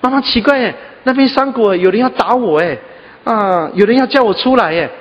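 A man preacher voicing a puzzled, angry little boy who shouts and complains to his mother. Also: high voice, expressive, brisk, long reverb tail, muffled recording, pitched above the performer's own voice. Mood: complaining. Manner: loud, indignant shouting.

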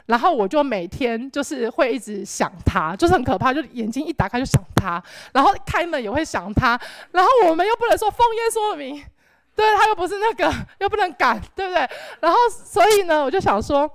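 A young woman gives a rambling, animated personal faith testimony, full of filler words. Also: sits high, a little fast, no echo. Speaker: church member giving testimony.

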